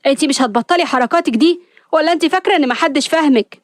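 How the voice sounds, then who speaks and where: A woman's voice: high voice, lively intonation, fast, dry recording. Woman voicing an angry young woman, cutting tone, hostile, dry sound.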